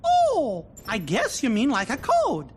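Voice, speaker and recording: An actor voicing a cheerful, earnest cartoon mouse king in a squeaky falsetto, from a video game. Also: huge pitch swings, takes it slowly, slight background noise, heavily acted.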